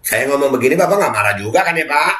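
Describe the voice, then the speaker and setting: A man's voice: mid-range voice, lively intonation, fast, a bit bright. A man reads news aloud and then mocks it, sarcastically speaking straight to an official. His voice sits in a middle range. The room around him sounds echoey and bare. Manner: sarcastic, keeps addressing "Pak" directly. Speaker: political commentary vlogger. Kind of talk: reading news aloud and mocking it.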